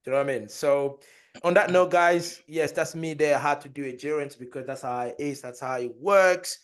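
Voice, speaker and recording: A man's voice: on the high side, fairly quick, clean tone. A man co-hosting a casual podcast chat, talking in a boastful, joking way and laughing often. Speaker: podcast co-host and powerlifter.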